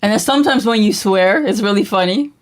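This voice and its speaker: A woman's voice: mid-range voice, a little fast. A woman with a mid-range voice talks casually on a livestream. She is blunt and laughs easily, and gets carried away when she is on a roll. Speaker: co-host of a couple's livestream.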